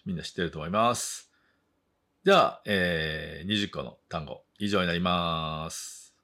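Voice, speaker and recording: A man teaching English vocabulary and pronunciation, saying each word slowly twice and chatting briskly in between. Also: sits low, pushed and bright. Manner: slow drawn-out model words, then quick chatty asides.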